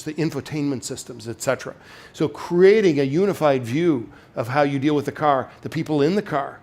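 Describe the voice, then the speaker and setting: A man's voice: medium pitch, darkish tone. A man speaking as a chief executive in a corporate keynote, with polished, salesmanlike enthusiasm and frequent ums and repeated words. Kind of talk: corporate keynote presentation to an audience.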